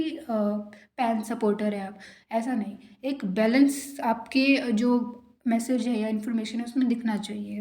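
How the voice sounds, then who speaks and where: A woman's voice: a little high, darkish tone. Woman teaching in an echoey room. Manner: explains step by step, reads English points slowly, checks in with "ठीक है". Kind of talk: lecture for university students.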